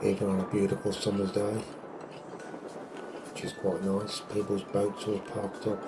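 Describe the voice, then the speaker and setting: With a lowish voice, a totally flat delivery and a normal speed, a man narrates an outdoor walking tour for his vlog on a windy seaside path. He rambles with plenty of fillers into a handheld camera mic in the wind, over background music and wind noise.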